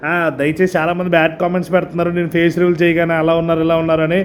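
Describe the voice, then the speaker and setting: Male vlogger, casual intro to camera, notably high-pitched and quick, sprinkles English. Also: completely flat delivery, a little hiss or hum. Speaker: vlogger and amateur cricket player. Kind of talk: casual vlog introduction to viewers.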